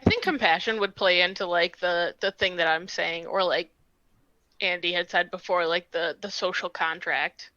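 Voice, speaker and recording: Bright-voiced woman chatting. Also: fairly low pitch, no echo, lo-fi sound. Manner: chatty, quick interjections. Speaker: podcast co-host. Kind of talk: casual chat.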